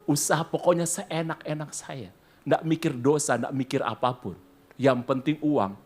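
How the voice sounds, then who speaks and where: A man voicing a gravely ill man who speaks quietly and weakly. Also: a little high, moderate pace. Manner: quiet and subdued. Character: gravely ill man, weak and soft-spoken.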